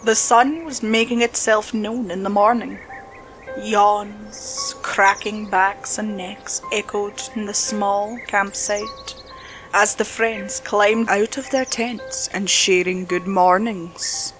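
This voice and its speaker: A woman narrating a horror story slowly and dramatically, dropping to a hush at tense moments. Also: mid-range voice, fairly even intonation. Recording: spooky music bed under voice.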